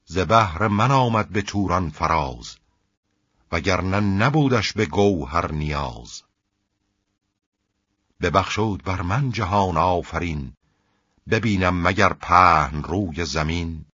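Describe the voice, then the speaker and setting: A man with a deep, husky voice reciting the speech of a captive young hero in classical verse, in a measured, rhythmic chant. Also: lively intonation, bright, forceful tone, no echo, heavily acted. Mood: confiding. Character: captive young male hero, hopeful and earnest. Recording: dull, lo-fi dry recording.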